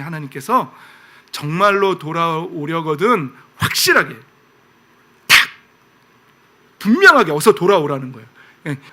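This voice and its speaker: A man pastor giving a lively, conversational sermon, often asking the congregation questions. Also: sits high.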